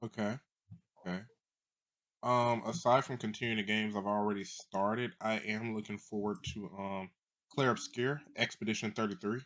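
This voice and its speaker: Bright-voiced man, casual podcast banter. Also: fairly low pitch, fairly even intonation, moderate pace. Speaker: podcast co-host. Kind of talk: casual chat.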